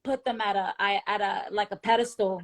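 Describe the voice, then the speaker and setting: A woman guest in a casual video chat, speaking haltingly with many restarts and fillers. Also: mid-range voice, fairly even intonation. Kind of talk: casual conversation.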